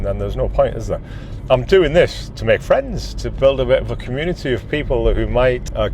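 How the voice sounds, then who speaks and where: This is a middle-aged British YouTube vlogger in his car, chatting casually and openly to a phone mounted in the windscreen holder. His medium-pitched voice is a little mellow, with a little hiss or hum on the recording. Dental anesthetic has numbed his mouth, making his rambling talk sound slightly funny.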